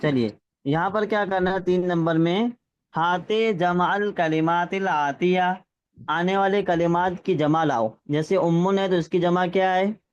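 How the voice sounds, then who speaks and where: A man teaching Arabic grammar in an online class, patiently checking that students follow and reading phrases out slowly. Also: high voice, clean tone. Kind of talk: classroom lesson with drills. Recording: slightly dull lo-fi sound.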